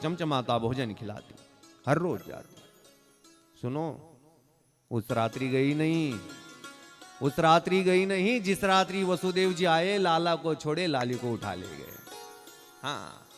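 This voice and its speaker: A man from Maharashtra, a Marathi native speaker, telling a devotional story as a sermon and acting out village characters in dialect voices. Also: fairly high pitch. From Maharashtra, India. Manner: urges the audience to call out loudly. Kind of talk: Bhagavat katha sermon storytelling.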